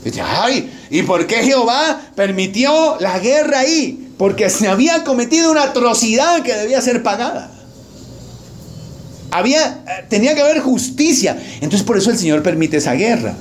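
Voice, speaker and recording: Animated, high-pitched male preacher. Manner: animated preaching, mocks with dramatic put-on prayers. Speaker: pastor. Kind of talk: sermon.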